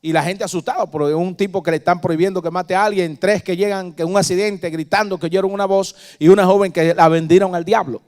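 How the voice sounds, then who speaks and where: A male preacher with a fairly high voice tells his sermon as a vivid story. He swings from hushed asides to loud, emphatic peaks. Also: fairly even intonation, fairly quick, hardly any pauses.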